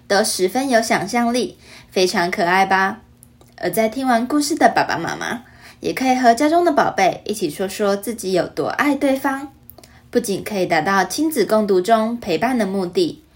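A woman hosting a children's story show, speaking expressively as if reading to a toddler. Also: medium pitch. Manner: expressive, child-directed delivery. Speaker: children's story podcast host. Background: music.

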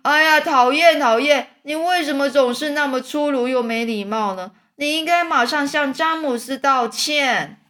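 Woman doing a shrill fussy earthworm. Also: moderate pace, hardly any pauses, fairly bright tone. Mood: scolding. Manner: shrill scolding.

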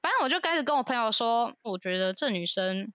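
Bright, chatty woman telling gossip. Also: a little high, quick pace, no room sound. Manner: animated, gossipy, indignant storyteller. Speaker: podcast co-host. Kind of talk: casual chat, storytelling.

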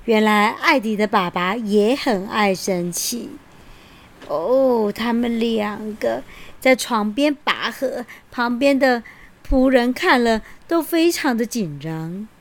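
A woman reading a picture book aloud to a child, gentle and expressive. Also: a little high, slow pace. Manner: gentle and expressive, laughs often.

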